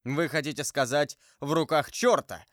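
A man voicing a proud, arrogant nobleman who speaks in slow, raised, indignant outbursts. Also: a little high, no echo, clean studio sound, natural voice.

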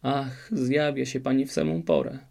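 Storybook casting: man as a fussy king, raised and exclaiming, gravelly dark tone. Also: medium pitch, steady tone, moderate pace. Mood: fretful. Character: fretful fairy-tale king, middle-aged.

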